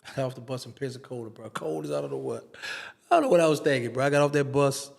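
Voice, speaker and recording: Gravelly-voiced man telling a story. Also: mid-range voice, fast talker. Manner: animated storyteller, acts out quoted dialogue. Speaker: interview guest. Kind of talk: casual storytelling.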